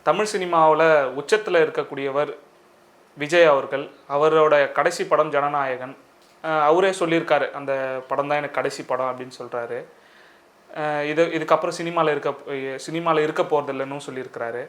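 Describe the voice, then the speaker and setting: A man with a Tamil accent hosts an interview, and his voice sits slightly high. He probes with short repeated questions and often laughs at the answers. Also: normal speed, a bit bright. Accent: Tamil Nadu.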